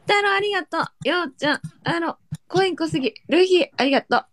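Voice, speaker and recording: Young woman streaming, playful, high lively voice. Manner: thanks viewers rapidly, playful. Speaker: livestream co-host. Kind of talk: casual livestream chat.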